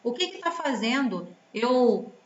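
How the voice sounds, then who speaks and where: A woman's voice: a little high, slow. A woman giving relationship advice in a commented reading, full of rhetorical questions and acted-out quotes. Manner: expressive, rhetorical questions, acts out quoted voices. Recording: roomy, slightly dull sound with faint background noise.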